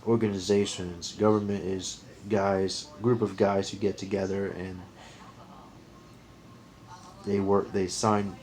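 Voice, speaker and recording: Talking to camera, a young male vlogger in his 20s rambles earnestly, tripping over his words, starting over, and counting out loud. His voice is somewhat low and a bit mellow, and the recording quality is poor.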